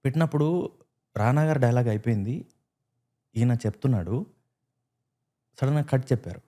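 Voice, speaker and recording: A man guest on a casual podcast chat, telling lively stories and acting out the lines he quotes. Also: medium pitch, normal speed. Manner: animated storyteller who acts out quoted lines. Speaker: guest actor.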